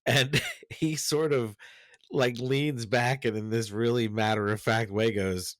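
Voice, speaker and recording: A man's voice: medium pitch, steady tone, measured pace, fairly bright tone, dry recording, studio quality. A man chatting casually about a film on a podcast, rambling and restarting his sentences, often laughing as he tells a story. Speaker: podcast co-host. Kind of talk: casual movie chat.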